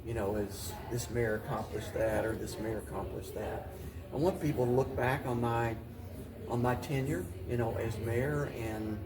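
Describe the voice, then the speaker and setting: An older man, a mayor appearing as a talk show guest, gives conversational interview answers in a halting, reflective way, repeating and restarting phrases. His voice is mid-range, recorded on a roomy, distant mic with crowd noise and voices in the background.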